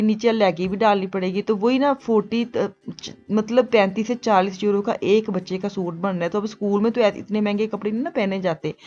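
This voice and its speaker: A woman's voice: mid-range voice, a little mellow, highs cut off. A woman in her thirties with a Punjabi accent, chatting casually in a shopping vlog and slipping between Hindi-Urdu and Punjabi. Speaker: vlogger.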